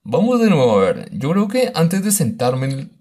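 A man's voice: on the high side, huge pitch swings, normal speed, mellow. A man doing let's play commentary of a horror game, exclaiming and talking to the baby on screen. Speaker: gaming YouTuber.

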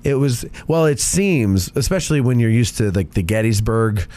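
A man hosting a history podcast, chatting casually with quick reactions and joking asides. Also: medium pitch, expressive, dark tone. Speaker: podcast host.

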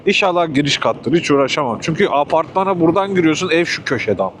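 A man's voice: a little high, expressive, fast talker, slight background noise. A man from Turkey delivering food by motorbike and ranting in a casual vlog, irritated, swearing and sarcastic. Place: outdoors on a motorbike in city traffic.

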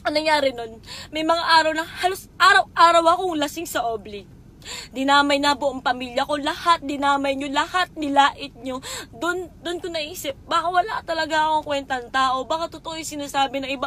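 A woman's voice: high-pitched, brisk, sharp tone, slight background noise. A young woman speaking on a live stream, tearful and swearing, heated and emotional. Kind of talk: emotional Facebook live confession. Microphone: phone.

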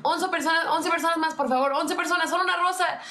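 A young woman with a Mexican accent talks casually to her livestream audience, candid and a little aggrieved. Her voice sits high, and the room around her rings with echo. She keeps coaxing viewers to send small gifts. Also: steady tone, fast, pushed and bright. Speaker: streamer. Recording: echoey room.

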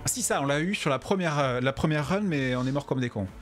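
A man chats through his gameplay stream from home, sounding tired and stumbling over his words now and then. His pitch swings widely as he reacts. Faint music plays behind him. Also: lively intonation, fast. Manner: chatty, talks to viewers, stumbles over words. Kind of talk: casual gameplay commentary.

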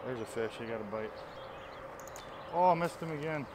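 A man's voice: medium pitch, normal speed, background noise. A man in his thirties casually talking to the camera while fishing on a small river, enthusiastic and explaining as he goes. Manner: enthusiastic, chatty, explains as he fishes. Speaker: fishing vlogger. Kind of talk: casual outdoor vlog. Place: outdoors on a small river bank and in a canoe.

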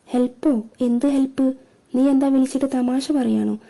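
A woman's voice: fairly high pitch, steady tone, moderate pace, close to an everyday voice. Woman doing a bitter, vengeful young woman. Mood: irritated. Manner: curt, scornful, flares into shouting.

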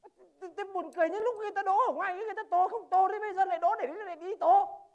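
A man's voice: very high voice, steady tone, very fast, darkish tone, dull audio. A man playing a thrifty middle-aged migrant worker riding home as a passenger, rambling and stammering in a stage comedy sketch.

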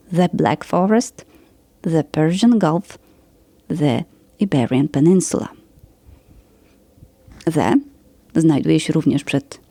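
A woman teaching English grammar in a podcast, slowly explaining rules and listing examples. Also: lowish voice, warm tone, slightly rough, dry recording. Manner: slow, careful explaining with example lists.

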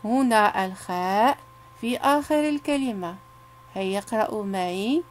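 A woman teaching young children to read, sounding out syllables slowly and coaxing them to repeat after her. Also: mid-range voice, lively intonation, slight background noise. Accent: Moroccan. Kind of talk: reading lesson for young children.

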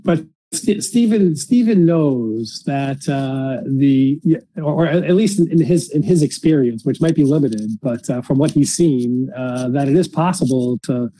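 A man hosting a casual discussion, speaking haltingly and often repeating words as he feels out each sentence. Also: medium pitch, lively intonation, dark tone, no room sound. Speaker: podcast host. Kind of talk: casual discussion of a criminal case.

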